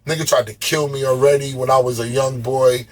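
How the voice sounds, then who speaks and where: A man's voice: medium pitch, a little fast. A man guest on a podcast, telling stories in a loose, profane, slangy way and often stumbling over and repeating his words. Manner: loose, profane, animated storytelling with slangy street talk. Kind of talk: casual storytelling interview.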